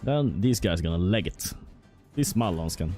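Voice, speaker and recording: Man, lower voice, lively intonation, casual game commentary, thinking aloud. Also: moderate pace, soft background music. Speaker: gameplay commentator. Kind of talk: let's play commentary.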